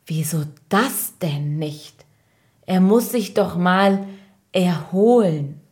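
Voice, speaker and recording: A woman voicing a kindly farmer and doctor in a children's audio story, speaking gently. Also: lowish voice, lively intonation, slow pace. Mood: caring.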